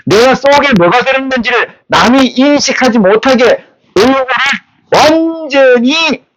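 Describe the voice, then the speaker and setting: Male pastor, sermon; high and very animated, blunt street talk, keeps quizzing the congregation. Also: rough recording. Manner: teaches with rapid rhetorical questions; blunt, coarse colloquial speech.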